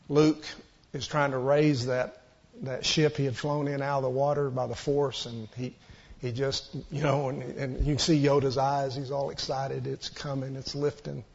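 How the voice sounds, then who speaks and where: Male pastor, husky and creaky, exhorting the congregation, lo-fi sound. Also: medium pitch. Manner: explains Greek word meanings, earnest and exhorting. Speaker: preacher. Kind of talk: sermon. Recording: dull lo-fi church recording.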